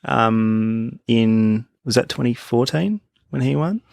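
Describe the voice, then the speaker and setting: A man's voice: medium pitch, lively intonation, slow pace, gravelly, a little mellow, no echo, clean studio sound. A man co-hosting a sports podcast, talking in a thoughtful, musing way and laughing easily. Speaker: podcast co-host. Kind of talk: casual chat.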